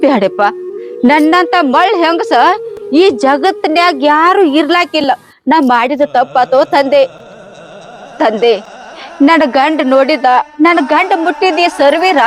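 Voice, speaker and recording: A very high-voiced young wife played by a woman pleads and apologizes in a North Karnataka Kannada accent. She keeps an earnest, remorseful tone throughout, with music playing behind her. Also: measured pace.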